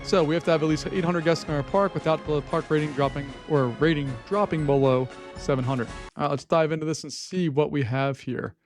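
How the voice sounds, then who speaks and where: A man's voice: a little high, fairly quick, few pauses, music in the background. A man hosting a gameplay video, thinking aloud in casual commentary, wry and easily exasperated. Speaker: gaming host.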